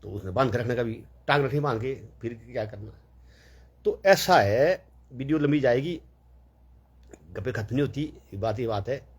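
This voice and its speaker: A man's voice: medium pitch, animated, moderate pace, long pauses, slightly rough. A man telling a long, rambling story in a casual, chatty way, full of fillers and quoted dialogue.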